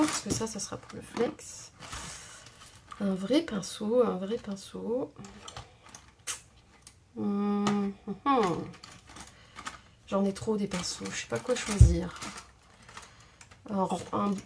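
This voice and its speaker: A woman's voice: mid-range voice, slow pace, long pauses, noisy background. A woman hosting a craft video at home, chatting casually and thinking aloud with many hesitations. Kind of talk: casual tutorial chat. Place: home craft table indoors.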